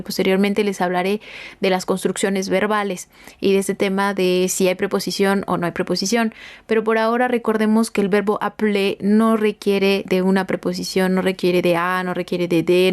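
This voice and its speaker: A woman teaching French grammar as a language lesson, explaining slowly and carefully and repeating example sentences. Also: mid-range voice, a little mellow. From Mexico.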